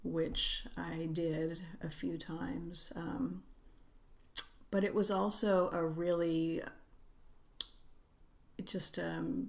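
Slow, gravelly-voiced middle-aged woman. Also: lowish voice. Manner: unhurried and musing, with frequent hesitations and soft laughs. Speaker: podcast guest, writer. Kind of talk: reflective conversational interview.

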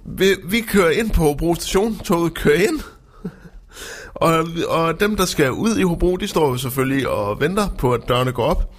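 A male radio host chatting casually and telling an anecdote with frequent laughter. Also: fairly high pitch. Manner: lively storytelling, laughs often.

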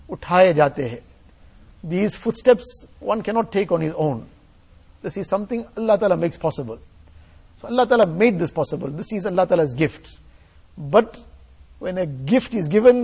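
High-pitched husky male preacher. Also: darkish tone. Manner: earnest, exhortatory, repeating phrases for emphasis. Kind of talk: sermon, reading Urdu passages and translating them into English.

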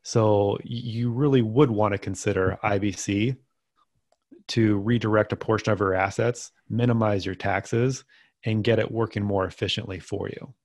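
A man's voice: lowish voice, steady tone, moderate pace, darkish tone, no echo. A man co-hosting a finance podcast, chatting casually with dry sarcastic asides and plenty of ums. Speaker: podcast co-host.

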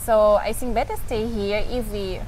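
A woman, from Kyrgyzstan, speaking halting as a cafe manager in a casual outdoor interview. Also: medium pitch, fairly even intonation, a little mellow, slight background noise, rough recording. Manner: halting non-native English, searching for words.

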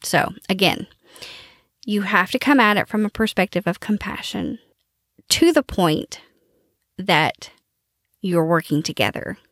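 Woman, frank advice talk, animated, blunt language, dry close sound. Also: medium pitch, unhurried, pauses often, no echo. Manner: frank and animated, cusses casually. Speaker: podcast host.

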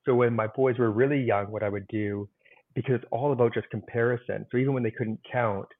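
A man's voice: medium pitch, steady tone, fairly quick. A man being interviewed as a guest author, explaining earnestly with simple examples and many "like"s. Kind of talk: conversational interview. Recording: tinny phone-like remote call audio.

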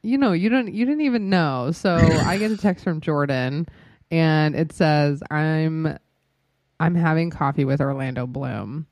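A woman's voice: low voice, a little mellow, dry recording. A woman co-hosting a podcast, teasing and correcting her co-host in casual chat. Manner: teasing, laughs often, quick corrections.

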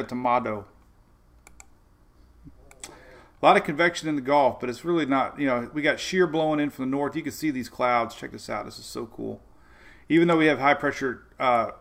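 The weather show host is a man with a mid-range, gravelly voice and a fairly bright tone who talks briskly. During his live weather stream he reads chat, discusses the tropics loosely, greets viewers by name, and laughs frequently.

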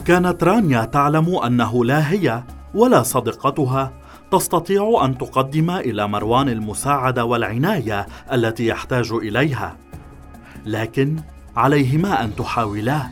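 Male narrator, measured storyteller, mid pitch, soft music bed. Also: animated.

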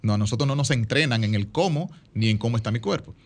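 Man, radio studio guest, quick delivery, middle pitch, acts out quotes. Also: animated. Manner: acts out quoted lines in other voices. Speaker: guest speaking coach. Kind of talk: explanatory radio talk.

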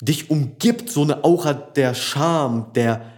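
A man's voice: a little high, slow pace, a little mellow. A man talking as a dating coach in a blunt, direct coaching monologue, speaking right to the listener. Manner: blunt, addresses the listener as du, repeats "und, und, und".

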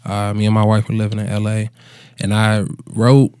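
A man's voice: on the low side, monotone, normal speed, darkish tone, smooth, dry recording, studio quality. A man in his twenties, a musician chatting casually in a laid-back, slangy bro manner with plenty of swearing. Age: 20s. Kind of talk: casual conversational storytelling.

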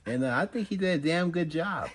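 A man's voice: on the high side, expressive, a little fast, slight background noise. A man with an American accent hosting a podcast, telling jokey, slangy stories in casual banter with friends. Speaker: podcast host.

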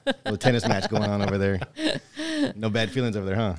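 A middle-aged man from Minnesota, a truck driver guest on a podcast, chatting casually and laughing often, his voice trailing off quietly. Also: fairly low pitch, steady tone, fast, no room sound. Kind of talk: casual chat.

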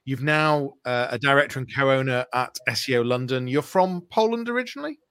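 A digital marketer hosts a marketing podcast, delivering a scripted intro to listeners and then interviewing a guest live. His medium-pitched voice is animated, smooth, fairly bright, and a little fast.

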